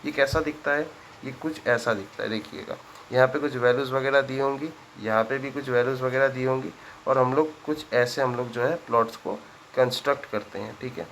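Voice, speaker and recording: Here a statistics lesson is delivered by a man whose medium-pitched voice is a little fast and a bit bright. He computes each sum aloud, keeps things conversational, and keeps asking students "ठीक है?" after nearly every step. Faint background noise and poor audio come through.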